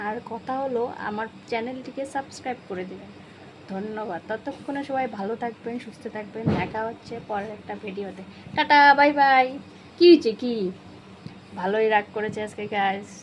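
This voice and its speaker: A woman's voice: medium pitch, steady tone, a little fast, noisy background. A young mother vlogging, coaxing her little son in a sing-song baby-talk voice. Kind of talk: casual family vlog.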